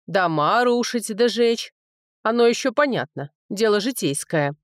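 A woman reading an audiobook, voicing a blunt, folksy old male dwarf with a booming manner. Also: animated, unhurried, dry recording, studio quality, close to an everyday voice. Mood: gruff.

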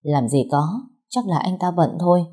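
A woman's voice: on the low side, normal speed, warm tone, lightly acted. A woman voicing a worried but firm older sister who shields her younger sibling.

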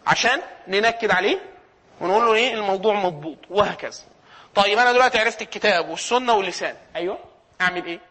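A man's voice: high-pitched, racing, sharp tone. A man with an Egyptian accent giving a lecture, asking himself questions and answering them. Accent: Egyptian Arabic. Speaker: teacher of Islamic sciences.

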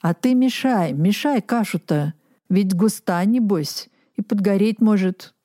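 A woman's voice: mid-range voice, a little slow, dark tone, dry recording, studio quality, close to an everyday voice. Brief: woman reader playing a groveling scheming clerk, fussy and wheedling. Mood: fussing. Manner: fussy, ingratiating. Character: fawning, scheming aging male official.

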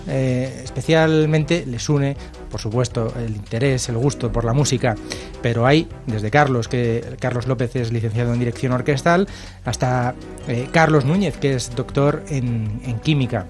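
Male radio host, casual delivery, light music underneath. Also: mid-range voice. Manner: chatty, informal, hesitant with fillers. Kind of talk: radio presenting.

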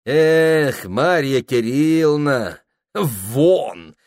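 A man's voice: on the high side, sing-song, takes it slowly, no echo, clean studio sound, voice pushed up. A brazen mocking village girl. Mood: defiant mocking. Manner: defiant, teasing, sing-song. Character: bold mocking young village beauty.

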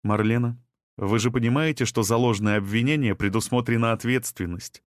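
A man's voice: mid-range voice, fairly even intonation, fairly quick, dry recording, studio quality, lightly acted. A man reading a stern female detective. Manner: serious and pressing.

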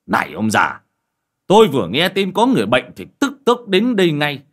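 A man voicing a proud, hot-tempered village healer who rants loudly. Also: fairly high pitch, huge pitch swings, brisk, husky, voice pushed up, exaggerated voice. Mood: furious. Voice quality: raised and shouting when angry.

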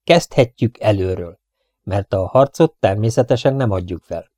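A man voicing a resolute male police captain who talks in a determined, deliberate way, in a storybook reading. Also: lowish voice, animated, darkish tone, no echo, clean studio sound, lightly acted.

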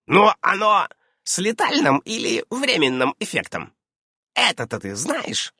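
A man voicing a fussy, brisk old female witch who keeps darting from question to question in an audiobook. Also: wildly swooping pitch, sharp tone, slightly rough, dry recording, clean studio sound, exaggerated voice. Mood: brisk, prying. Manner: shrill, darting, interrupting. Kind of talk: audiobook character voice.

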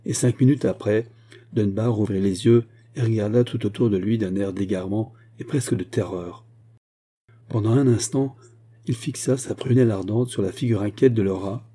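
A man narrating a classic novel in a steady, measured audiobook reading. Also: lowish voice, breathy edge.

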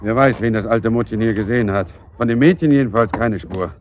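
An actor plays a blunt, sceptical police officer on an outdoor search in a radio drama. The sound is dull and lo-fi, with faint noise behind him. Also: male voice, fairly low pitch, brisk, natural voice. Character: gruff adult male police officer with a dog.

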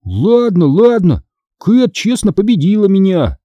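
A timid little boy, sulky and sheepish, grumbling his way through, played by a man. The voice is pushed up high with a husky edge and lots of rise and fall. Told like a storybook, close and dry. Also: very animated, a little slow, mellow, no room sound, highs cut off, exaggerated voice. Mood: cheeky.

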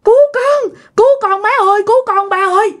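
A panicked young man cries out in shrill, pleading wails, put on by a woman telling the story. The voice leaps very high and swings widely, and has a Southern Vietnamese accent. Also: expressive, fast, a bit bright. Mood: panicked wailing.

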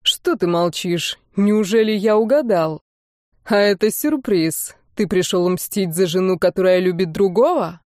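A woman voicing a villainous male warlock duke with a hoarse voice, a slight burr and a slow, mocking, taunting delivery. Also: mid-range voice, darkish tone, no echo, studio quality, close to an everyday voice.

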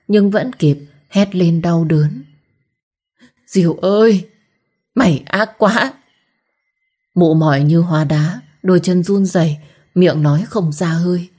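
Low-voiced woman narrating a dramatic story. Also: mellow, slightly rough.

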